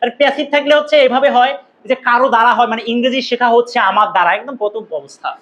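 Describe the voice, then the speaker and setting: A man's voice: very high-pitched, fast, a bit bright, poor audio. A young man teaching English grammar to a classroom, questioning his students and repeating key points as he goes.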